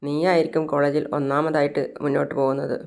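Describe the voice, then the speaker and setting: A woman's voice: fast, vocal fry. A woman reading as an admiring college girl. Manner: low, even reading voice. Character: admiring female college student.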